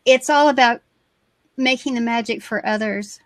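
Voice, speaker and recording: A woman's voice: on the high side, moderate pace, dry recording. A woman with a background in crowdfunding and venture capital, speaking hesitantly with many fillers on a video call. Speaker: crowdfunding consultant. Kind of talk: casual video-call chat.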